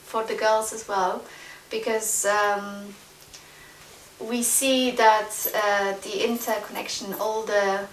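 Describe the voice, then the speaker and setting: A woman's voice: mid-range voice, little pitch movement, slow. A woman in her forties from Afghanistan speaks as an interview guest, feeling for her words with frequent ums and restarts. She is picked up from some distance in a large, echoing room. A faint hiss runs under her voice. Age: 40s. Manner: hesitant, searching for words with many fillers. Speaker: interview guest, trainee documentary filmmaker. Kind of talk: casual interview chat.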